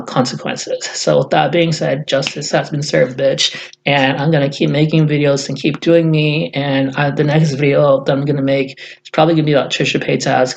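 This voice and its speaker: A man's voice: mid-range voice, creaky, a little hiss or hum. A man in a casual vlog rant, blunt and profane, rambling with many fillers, who says he has just woken up. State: just woke up. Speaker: YouTuber.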